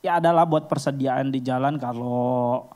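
A man giving a casual storytelling sermon, acting out little scenes with sudden leaps in pitch. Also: normal speed. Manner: animated, acts out little scenes with sudden high jumps in pitch.

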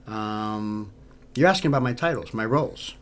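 Speaking at a moderate pace with a fairly low pitch, a podcast host from New York, United States, addresses his audience casually. He sounds earnest and personal, using plain language.

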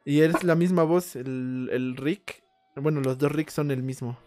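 A young Mexican man in casual chat, animated and quick to chime in. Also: mid-range voice, music in the background. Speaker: podcast co-host.

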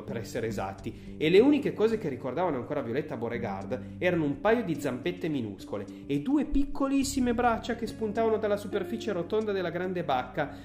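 A woman narrating a children's story aloud in an expressive audiobook reading. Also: low-pitched.

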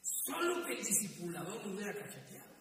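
A middle-aged pastor preaches in an echoey church hall, often calling listeners brother and repeating his words, with the mic set at a distance. His voice sits high with huge pitch swings, he speaks briskly, and the background is noisy.

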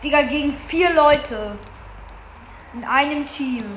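Young woman, high voice, gaming chat, slangy, complaining, echoey room, faint noise. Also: takes it slowly, a bit bright. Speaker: gamer.

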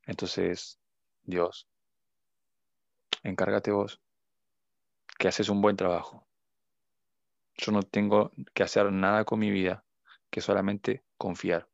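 Young Argentine man, deep flat gravelly voice, earnest testimony, dull lo-fi audio. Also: takes it slowly, long pauses, no echo. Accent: Argentine Spanish. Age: young adult. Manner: earnest, emotional, reflective. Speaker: guest. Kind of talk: heartfelt faith testimony.

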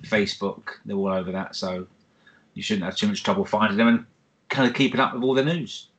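A man's voice: lowish voice, steady tone, brisk, a bit bright. A man co-hosting a podcast, chatting casually and asking listeners to bear with him as he makes his points. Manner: chatty, "bear with me" aside-giver. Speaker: podcast co-host. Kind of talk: casual chat.

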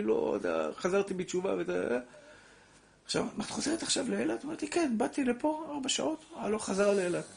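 A middle-aged man, a rabbi giving a lively Torah class who preaches through rhetorical questions and calls his listeners fondly. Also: medium pitch. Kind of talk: animated Torah lecture.

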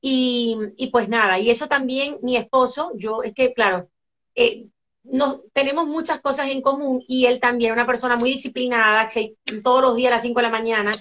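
A middle-aged woman from Venezuela with a Venezuelan accent, telling family stories as a guest in a casual interview, lively and full of fillers and restarts. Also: a little high, normal speed. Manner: animated storyteller, many fillers and restarts.

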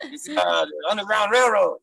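A man puts on a gruff male gorilla stand-up comic with a gravelly, rough voice. He talks in broken English, bragging and silly, with loud bursts on the jokes. The sound is close and dry. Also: high-pitched, animated, moderate pace, no room sound, heavily acted. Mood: boastful. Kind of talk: improvised comedy character interview.

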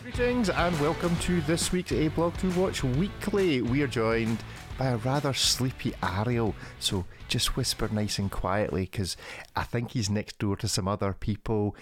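A man's voice: mid-range voice, a little slow, faint music behind. A man hosting a casual podcast chat, teasing his guests and laughing often. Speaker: podcast host.

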